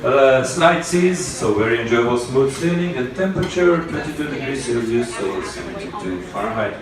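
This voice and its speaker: A passenger walking indoors on a cruise ship hears the captain's announcement over the loudspeakers from a distance, with echo and plenty of crowd chatter around. The man's mid-range voice is animated, yet his address stays formal, polite and measured, broken by halting pauses.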